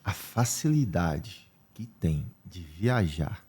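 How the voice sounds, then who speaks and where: A man's voice: low voice, expressive, takes it slowly, dark tone, slightly rough. A man from Brazil hosting a podcast interview, chatting casually and sharing personal stories.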